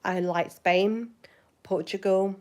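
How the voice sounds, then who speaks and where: Chatting loosely to answer viewer questions, this Yorkshire-accented woman from West Yorkshire runs her own channel. Medium in pitch and darkish in tone, she keeps a steady delivery at a slow pace, rambling with frequent fillers and restarts.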